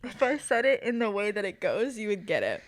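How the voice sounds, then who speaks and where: A woman's voice: mid-range voice, sing-song, a little fast. A young woman co-hosting a podcast in casual chat, talking freely with lots of fillers and giggles. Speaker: podcast co-host.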